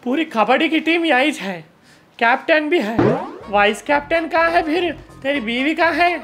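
A woman's voice: high-pitched, expressive, normal speed, over music. A woman playing a blunt, teasing elderly family uncle with a Hyderabadi accent in a comedy sketch. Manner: teasing, mock-scolding.

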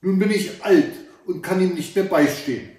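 A man voicing an old fairy-tale prince speaking to his daughters, measured and fatherly. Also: high voice, darkish tone, pitched above the performer's own voice, close to an everyday voice. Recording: echoey room, far from the mic.

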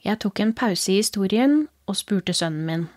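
A woman with a Norwegian accent reading a horror story aloud as a podcast host, in a calm, low, steady storytelling voice. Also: dry recording, studio quality. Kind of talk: scripted horror story narration.

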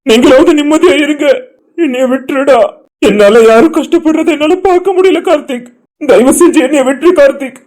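A voice artist voicing a grieving young man in an animated cartoon drama, pleading, tearful and broken. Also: high voice, a little fast, natural voice.

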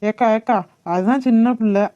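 A woman voicing a kindly older village aunt in a cartoon, gently coaxing and soothing. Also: a little high, moderate pace, highs cut off, voice pushed down, natural voice.

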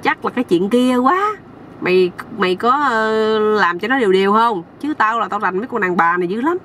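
A woman's voice: medium pitch, animated, a little fast, a bit bright, recorded from a distance, slight background noise, natural voice. A woman with a Southern Vietnamese accent voicing a nosy, boastful older village man who lectures a younger man. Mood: lecturing. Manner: bossy, know-it-all lecturing.

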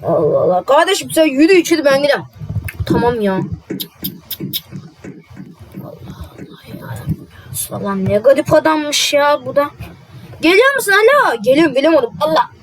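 A woman's voice: sits high, sing-song, moderate pace, pauses often, slight background noise, poor audio. A woman playing out a game roleplay in casual, exasperated, muttering speech. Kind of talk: casual game roleplay, voicing several characters.

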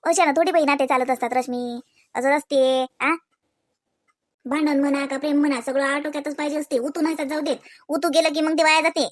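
A woman's voice: high voice, steady tone, brisk, no echo, clean studio sound, natural voice. A woman voicing an older female family elder in a cartoon, scolding but kindly and giving homely advice. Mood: lecturing. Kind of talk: cartoon voice acting.

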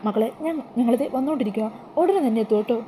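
A gentle, motherly middle-aged woman, read by a woman narrator. The voice is soft and dark-toned with a quick pace, and faint noise sits behind it. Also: on the high side, expressive, lightly acted. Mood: reassuring. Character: kind middle-aged mother reassuring children.

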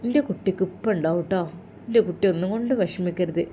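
A frail old father from a storybook, soft and pleading, his words coming a touch low and quick, as a woman narrator puts him on. His voice has a mellow, warm color. A faint hiss sits under it. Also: natural voice. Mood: weak, tender. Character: ailing elderly father, tender and worried.

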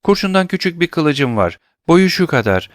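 A man's voice: a little high, very animated, moderate pace, no echo, clean studio sound, voice pushed up. A man voicing a timid, obedient little girl in an audiobook, answering with short polite replies. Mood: meek. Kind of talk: audiobook character reading.

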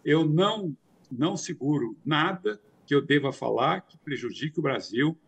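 An older man in his sixties speaks over a video call from a home study lined with bookshelves. His voice is gravelly and somewhat husky. The pitch rises and falls a lot as he explains, and he hesitates often and repeats filler words. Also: expressive, moderate pace. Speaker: commentator. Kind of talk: remote news commentary.

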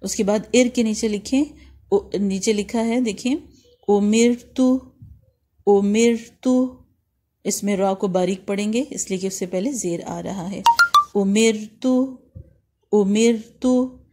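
A woman teaching pronunciation step by step, explaining each sound and drawing out practice syllables slowly. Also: medium pitch, fairly even intonation, mellow. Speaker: Quran recitation teacher.

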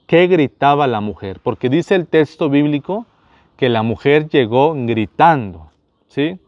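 A man's voice: medium pitch, animated, measured pace, dry recording, dull audio. A man, a priest, running a Bible quiz for his viewers, asking each question, repeating it, and speaking to them directly.

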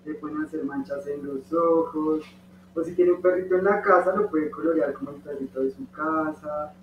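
This is a children's craft tutorial led by a man with a high-pitched voice and a Colombian Spanish accent, who teaches folding and coloring a paper dog at a moderate pace. Patient and encouraging, he speaks straight to the kids and checks on them frequently. The mic is distant in a spacious room, giving a dull sound with a slight underlying hum.

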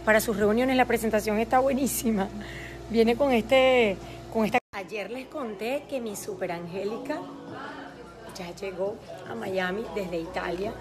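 A woman's voice: mid-range voice, unhurried, music in the background. A woman chatting casually in a phone story, gushing and promotional as she shows off her store event to followers. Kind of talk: casual Instagram story chat. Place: busy store event, indoors. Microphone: phone held by speaker. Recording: phone recording with chattering crowd behind.

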